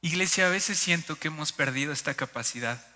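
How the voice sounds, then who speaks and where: A young adult man with a Mexican Spanish accent, preaching a sermon and telling a story in an animated way, acting out shouts and the voices of other people. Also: on the high side, brisk. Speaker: pastor. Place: church sanctuary. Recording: echoey church hall.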